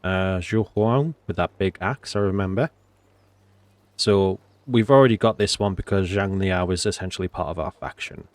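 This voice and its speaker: Nursing a cold, a man with a low, nasal voice offers casual gameplay commentary at normal speed, rambling and hesitant with plenty of fillers. There's no echo on the recording.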